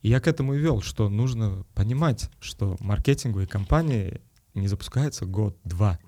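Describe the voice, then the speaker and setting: A man's voice: on the low side, animated, normal speed, mellow. Man chiming in on a podcast. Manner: chimes in to sum up and back the guest's points. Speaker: podcast co-host. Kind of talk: casual interview talk.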